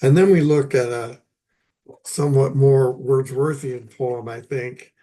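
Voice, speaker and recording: With a mid-range voice that's steady and dark, an older man hosts a poetry lecture. Illness has left him hoarse and raspy, and he talks haltingly, with frequent pauses and fillers.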